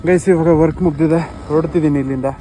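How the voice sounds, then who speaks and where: Talking very fast over loud music, this male vlogger has a slightly high voice with a steady tone and a Karnataka Kannada accent. His casual vlog chat is informal, addressing viewers as "guys."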